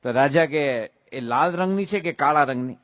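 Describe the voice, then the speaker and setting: A man's voice: a little high, moderate pace, fairly bright tone, no room sound, highs cut off. A man with a Gujarati accent giving a devotional sermon, telling stories, asking rhetorical questions and breaking into sung verses. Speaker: preacher giving a religious discourse.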